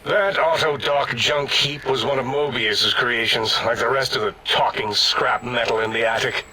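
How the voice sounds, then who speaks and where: In a video game, an actor voices a pompous, bossy male scientist brain with a quick temper, speaking at medium pitch and normal speed. His delivery is blustering and imperious, broken by sudden shouts and outbursts. The natural-sounding voice comes through a low-quality recording with crowd noise behind it.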